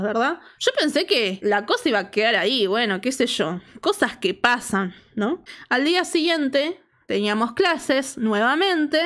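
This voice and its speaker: Casting: Argentine woman, 30s, high voice, lively slangy storyteller who acts out the quotes. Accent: Argentine Spanish. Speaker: storytime vlogger. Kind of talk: casual storytelling to camera.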